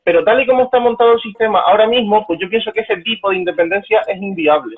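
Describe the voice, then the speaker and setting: A man's voice: sits high, fast, slightly rough. A man, calling in as a guest, talking politics earnestly and building points with examples over a crackly, choppy phone line. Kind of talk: political discussion.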